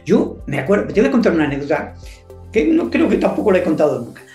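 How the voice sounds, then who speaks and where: Older man from Spain, animated storyteller, swooping lively pitch, roomy echo, faint music behind. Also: quick pace. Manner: lively storyteller who acts out voices in quotes. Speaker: guest sports journalist. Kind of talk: animated anecdote telling.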